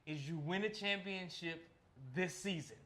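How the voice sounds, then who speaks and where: Higher-voiced man talking sports. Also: a little slow. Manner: animated, questioning, conversational. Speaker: podcast co-host. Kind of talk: casual sports chat.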